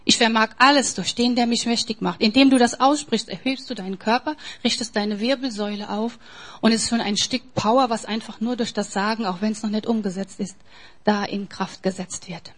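A woman delivers a sermon with emphasis, shifting from soft, almost whispered passages to forceful, raised lines. Her voice sits in the mid-range, her tone stays steady, and she speaks fairly quickly.

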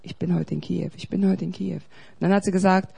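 A woman pastor preaching a sermon, swinging between loud, urgent exhortation and quiet, confiding storytelling. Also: fairly low pitch, fairly even intonation, brisk, vocal fry, breathy edge.

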